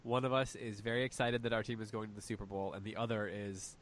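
A man's voice: on the low side, steady tone, fast. A man hosting a casual podcast with a head cold, his nose stuffy and his voice nasal. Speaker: podcast host.

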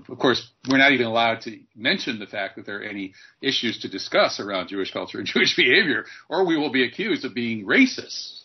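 A man hosting an interview, explaining points in a measured, lecturing way. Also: on the low side, slightly rough, lo-fi sound. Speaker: interviewer host. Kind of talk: interview conversation.

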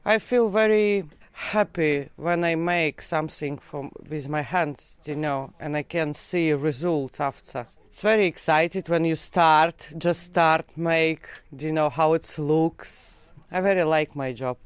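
Slow, clear-voiced man with a Latvian accent. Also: on the high side, dry recording. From Latvia, Riga. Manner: simple, halting non-native English. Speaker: garment worker in a tailoring workshop. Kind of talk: casual interview answers.

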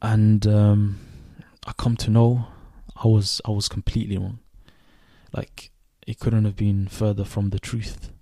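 Calm low-voiced young man reflecting. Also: no room sound. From Sweden. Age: 20s. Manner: thoughtful, unhurried, with frequent fillers and restarts. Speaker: podcast host. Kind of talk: reflective solo podcast monologue.

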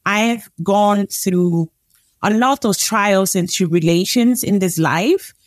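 A woman speaks in a dry, close recording. Her pitch sits in the middle, and she talks openly and reflectively, as a guest in a conversational interview. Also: no echo. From Angola, grew up in Germany. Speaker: podcast guest, business owner.

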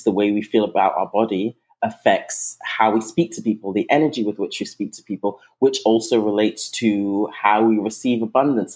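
A woman raised in England, a guest eating coach, talking in a chatty, warm podcast conversation with frequent ums and restarts. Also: very deep voice. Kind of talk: casual podcast chat.

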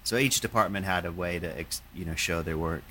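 A man, a painter, talking in a halting, reflective way, with many fillers and restarts. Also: sits low, bright, forceful tone, a little hiss or hum. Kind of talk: casual conversation.

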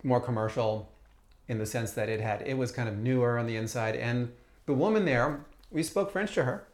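Relaxed chatty man hosting a podcast. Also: mid-range voice, normal speed. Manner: relaxed, chatty, many fillers. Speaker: podcast host. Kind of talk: casual chat.

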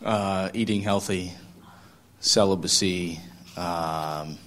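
Male audience member with a very deep voice; slow, halting answer. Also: fairly even intonation, a bit bright, a little hiss or hum. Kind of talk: conversational reply.

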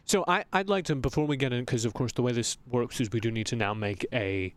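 A man's voice: medium pitch, quick pace. A man co-hosting a gaming podcast, chatting casually with wry, dry humor. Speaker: podcast co-host, AD carry player.

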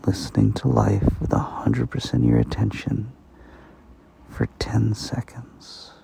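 A man softly guiding a sleep meditation, speaking slowly and slipping into whispers. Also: lowish voice, big pitch swings, creaky. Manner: slow, soft-spoken, partly whispered. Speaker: meditation guide.

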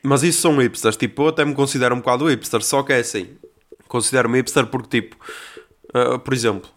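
Slangy young Portuguese guy rambling. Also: medium pitch. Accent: European Portuguese. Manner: rambling, slangy, acts out dialogue in quick quotes. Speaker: podcast host. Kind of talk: casual monologue.

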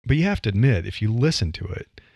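A middle-aged Midwestern podcaster and writer talks about voice delivery at a quick pace, his low, creaky, slightly mellow voice having a sing-song lilt. The dry recording catches his conversational monologue, full of "you know" fillers and light laughter.

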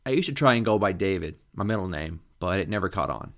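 A man reading a first-person novel aloud in a measured, even narration. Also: deep voice. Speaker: audiobook narrator.

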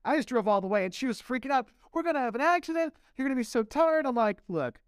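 An American marketing professor and travel vlogger tells stories in a relaxed podcast chat, doing the voices of the people he quotes. His voice is very high-pitched, fast and smooth. The sound is clean and studio-like, with no room sound.

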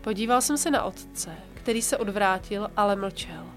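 Calm woman reading aloud over soft guitar. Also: medium pitch. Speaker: podcast host and author. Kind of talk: reading a book passage aloud with commentary.

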